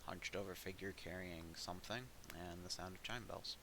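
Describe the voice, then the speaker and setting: A man's voice: low voice, steady tone, moderate pace. A man narrating a tabletop fantasy game as game master, improvising the scene as he goes. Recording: faint hiss.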